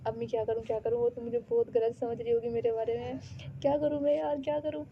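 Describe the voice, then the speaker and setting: A woman's voice: a little high, level tone, quick pace, highs cut off, a little hiss or hum, close to an everyday voice. A woman voicing a flustered young woman who panics and repeats herself. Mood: panicky.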